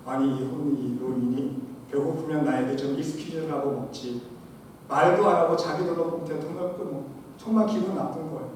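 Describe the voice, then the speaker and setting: A man preaching a sermon to his congregation as pastor, swinging between loud exhortation and quiet asides. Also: on the high side, brisk, a little hiss or hum. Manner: addresses the congregation often. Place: church sanctuary. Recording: echoey church hall, preacher far from mic.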